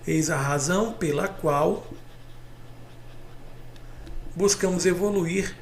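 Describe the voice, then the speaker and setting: A man's voice: a little high, measured pace, slight background noise. A man with a Brazilian Portuguese accent teaching a grammar lesson on video, chatty and direct, calling out to viewers and pointing at examples. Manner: chatty, calls viewers "galera", points things out with "ó".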